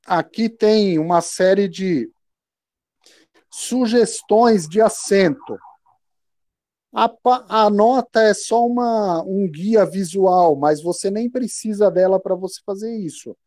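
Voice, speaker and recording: A man's voice: sits high, slow pace, darkish tone, no room sound, clean studio sound. A man with a Brazilian Portuguese accent teaching percussion online, explaining patiently and chanting rhythm syllables aloud. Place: home room.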